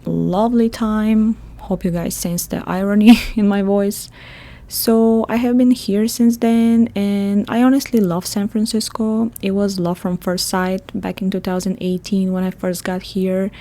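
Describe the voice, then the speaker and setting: A woman's voice: mid-range voice, level tone, a little slow, mellow. A woman in her thirties from Bulgaria, with a Bulgarian accent, hosting a solo podcast in a chatty manner and laughing often. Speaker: podcast host.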